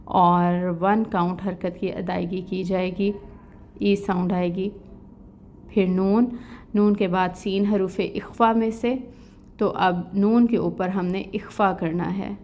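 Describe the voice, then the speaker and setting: A woman's voice: medium pitch, a little mellow, slight background noise. Woman explaining tajweed rules in Urdu. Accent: Pakistani Urdu. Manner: slow melodic recitation of verses, then plain explaining. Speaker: Quran tajweed teacher. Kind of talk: online recitation lesson.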